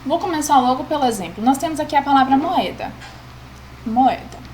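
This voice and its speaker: A woman's voice: high-pitched, lively intonation, fast, darkish tone, a little hiss or hum, poor audio. A woman, patiently explaining a grammar lesson as a teacher and often checking in with the class.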